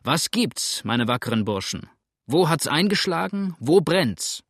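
A man's voice: mid-range voice, expressive, moderate pace, no echo. A blunt, impatient frontier farmer, read by a man, brusque and hearty, who lets his voice ring out. The recording is dry and close, with no room around it. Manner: brusque and hearty, calls out loudly.

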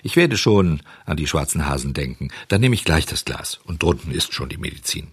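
A man voicing a stubborn, whiny puppet boy in a storybook reading, whining and pleading in a high, excited voice. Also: fairly quick, slightly rough, no room sound, clean studio sound, exaggerated voice. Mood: cheeky.

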